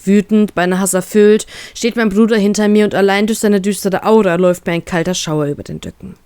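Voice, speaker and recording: A woman's voice: mid-range voice, steady tone, brisk, a little mellow, smooth, no echo. A woman reading a fan fiction story aloud in the first person, acting out the heroine's lines expressively.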